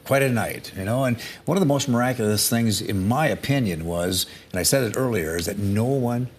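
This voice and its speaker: Male, American accent, lowish pitch, casual reflective conversation, faint background noise. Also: a little fast.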